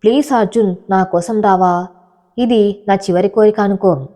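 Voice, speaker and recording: A woman's voice: mid-range voice, moderate pace, dark tone, natural voice. A woman voicing a heartbroken young bride in a storybook reading, speaking in a pleading, tearful way.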